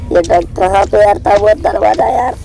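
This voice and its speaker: Young guy doing horror gameplay commentary, hoarse with a cold, gravelly, mellow tone, keeps repeating stuff nervously. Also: high-pitched, normal speed, faint music behind, rough recording. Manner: jittery, repeats words in bursts, yelps when spotted. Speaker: gaming channel host.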